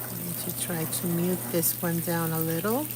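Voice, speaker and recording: This is casual painting talk from a middle-aged Puerto Rican woman live streaming outdoors beneath an umbrella, who wanders a bit as she gropes for words. Her lowish voice keeps a level tone at a moderate pace over background noise.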